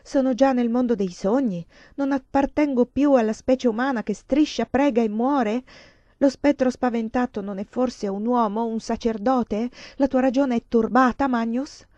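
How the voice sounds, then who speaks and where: A woman's voice: on the high side, normal speed, dark tone, dry recording, highs cut off, voice pushed up, close to an everyday voice. Woman reader voicing a defiant dying woman; bitter irony, dry close sound. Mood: scornful.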